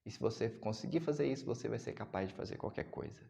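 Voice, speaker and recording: A man voicing a patient older male bird who teaches a young bird to fly, calm and reassuring. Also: on the low side, fast talker, vocal fry. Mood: urging.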